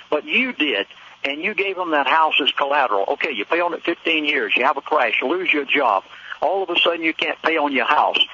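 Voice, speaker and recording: Male guest calling in, urgent, lecturing the audience, husky voice over a dull phone line. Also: fairly high pitch, bright, forceful tone. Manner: urgent, preachy, addresses listeners directly. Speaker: radio guest. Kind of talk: radio interview.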